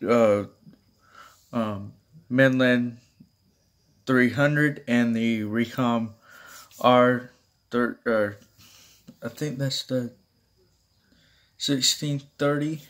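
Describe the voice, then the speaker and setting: A guy shows off his weather radio collection in a casual home vlog, recorded in a small room indoors with a handheld phone or camera held close. He talks very slowly in a halting, informal way, at an average pitch and steady tone.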